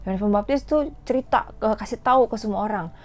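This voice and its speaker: A cheerful woman, teaching an online Sunday school lesson for children, animated and child-directed. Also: fairly high pitch, fast talker.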